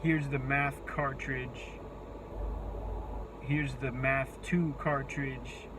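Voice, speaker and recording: A man in his twenties with a thin, squeaky voice, talking off the cuff in a halting, rambling way as he searches for words. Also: fairly even intonation, noisy background. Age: 20s. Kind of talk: unscripted monologue to camera.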